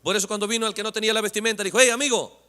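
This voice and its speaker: An emphatic male preacher delivers a sermon, often stopping to ask whether his listeners understand and rising to shouts on key points. His voice is high and sharply bright. It rings through a church with a long reverb. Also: little pitch movement, very fast, clean tone. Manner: emphatic, keeps asking "understand?". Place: church sanctuary.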